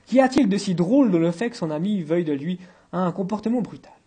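A man narrating an audiobook in a measured, literary reading. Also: high-pitched, animated, warm tone, husky.

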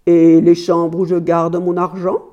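A woman reading aloud puts on a cruel nobleman husband who growls and barks his questions. The voice stays mellow and warm underneath, loud and pressing in its threats, as in a storybook reading. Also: sits high, lively intonation, a little slow, highs cut off, exaggerated voice. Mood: menacing. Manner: growling, barking demands.

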